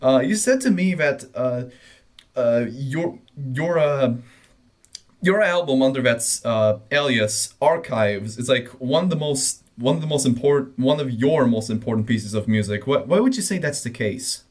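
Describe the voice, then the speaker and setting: A man's voice: mid-range voice, expressive, measured pace. A man interviewing a musician, English not his first language, hesitant with many fillers. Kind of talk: casual interview.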